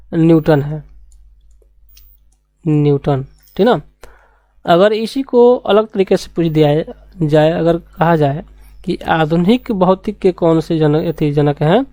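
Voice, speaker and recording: Dark-voiced woman teaching a science class. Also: fairly low pitch, no room sound. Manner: repeats key terms slowly, asks rhetorical questions. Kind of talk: classroom lecture.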